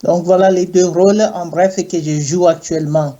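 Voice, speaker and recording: A middle-aged man from Ghana, an English speaker, answering interview questions in a slow, hesitant way with many pauses and fillers. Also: high voice, steady tone, dark tone, highs cut off. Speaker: guest, clergyman and university French teacher.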